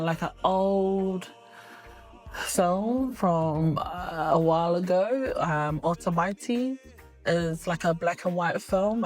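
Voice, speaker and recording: A middle-aged woman from New Zealand, an actress, answering interview questions in a relaxed way with many fillers and restarts. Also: fairly low pitch.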